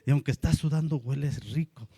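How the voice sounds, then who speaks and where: A man with a Mexican Spanish accent, a pastor preaching a lively sermon and acting out the voices of churchgoers. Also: a little high, brisk, no room sound.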